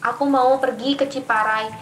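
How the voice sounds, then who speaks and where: A woman's voice: high voice, moderate pace, roomy sound. A young woman, telling a story casually as a podcast guest and acting out the dialogue. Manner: animated, acts out dialogue in raised voices.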